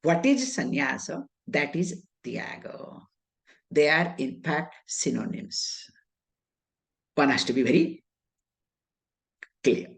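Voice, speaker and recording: Woman, Indian English accent, spiritual teacher, scriptural discourse, slow measured delivery, lively rise and fall, rhetorical questions, Sanskrit terms. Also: low-pitched, vocal fry. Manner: deliberate, asks and answers rhetorical questions.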